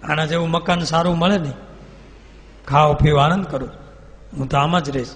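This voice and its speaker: A man's voice: a little high, fairly even intonation, moderate pace, natural voice. A man voicing a stubborn, boastful demon spirit that refuses to leave the body it possesses. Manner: defiant, insistent refusals. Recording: reverberant hall.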